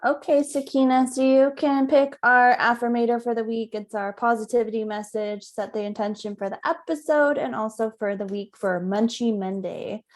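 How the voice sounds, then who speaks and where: A woman co-hosting a podcast, upbeat, reading announcements and quotes smoothly. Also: fairly high pitch, fairly even intonation, moderate pace, few pauses. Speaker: podcast co-host. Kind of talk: podcast chat and read announcement.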